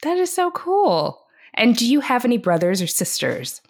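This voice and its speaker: A woman's voice: a little high, big pitch swings, moderate pace, slightly rough. A woman co-hosting a casual podcast, upbeat and asking her partner questions. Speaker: co-host.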